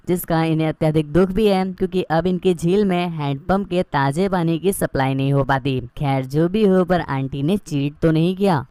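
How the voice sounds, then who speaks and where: A man's voice: a little high, dark tone, clean tone, no echo. A man narrating a movie recap in a slangy, cheeky way, with crude jokes and asides to the viewer.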